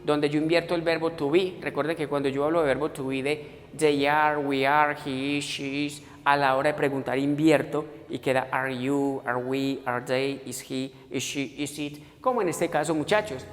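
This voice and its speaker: A male English teacher walks his students through grammar step by step, addressing them warmly as a group. His voice rings with a long echo in the room, and faint music plays underneath. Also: a little high, steady tone, normal speed. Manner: explains step by step, addressing students as muchachos and voicing their questions. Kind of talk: recorded classroom lesson.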